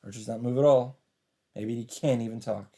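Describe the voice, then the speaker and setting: Here the let's play host sounds brisk, his pitch medium, as he delivers scripted, dramatic narration of a visual novel. Loud music from its soundtrack runs behind him.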